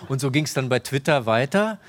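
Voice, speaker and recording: A man's voice: medium pitch, lively intonation, brisk. A man from a radio station explaining things to a live audience, hesitant and full of filler sounds. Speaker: radio station staff member.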